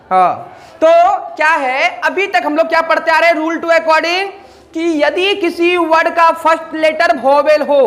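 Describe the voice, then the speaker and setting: A man's voice: extremely high pitch, pushed and bright. A man teaching an English grammar lesson, repeatedly asking the class questions and answering them himself.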